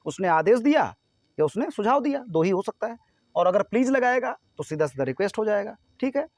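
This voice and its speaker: A man's voice: high-pitched, sing-song, a little fast, darkish tone, no echo, clean studio sound. A man from India teaching a grammar lesson to students, explaining step by step and often checking that they follow.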